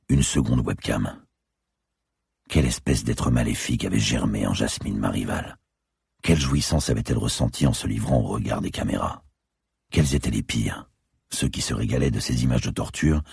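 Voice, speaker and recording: A man narrating a dark crime thriller in the first person, with a measured, descriptive reading. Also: very deep voice, gravelly, breathy edge, no room sound, clean studio sound. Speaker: audiobook narrator.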